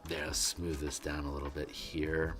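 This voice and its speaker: Over music, an artist livestreams his painting, talking casually in an extremely low voice with little pitch movement at a moderate pace. He murmurs instructions to himself as he works, drifting into chatty asides and often restarting.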